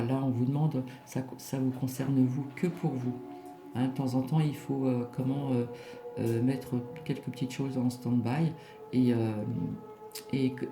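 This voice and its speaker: A man with a fairly ordinary pitch gives an informal oracle card reading, talking directly to his viewers. He hesitates and circles back over his phrases. The room adds clear echo, and music plays behind him. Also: warm tone. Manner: hesitant, repeating himself, halting. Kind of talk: casual spiritual card reading, addressing viewers.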